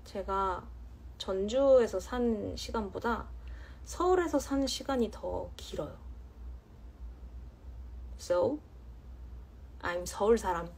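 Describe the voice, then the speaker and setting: A woman's voice: medium pitch, expressive, slow pace, creaky, long pauses, darkish tone, slightly rough. A woman in her thirties from Jeonju, chatting casually on a phone livestream, reading viewer comments in a playful, teasing way and drawing out words for emphasis. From Jeonju, Korea. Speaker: livestream host. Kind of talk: casual live-stream chat reading comments.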